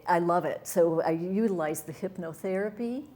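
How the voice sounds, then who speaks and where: Speaking at a moderate pace in a lowish voice with a dark tone, a middle-aged woman from Wisconsin, USA, talks as an interview guest. She's a wellness coach, earnest and enthusiastic, and her conversational answers include fillers and restarts.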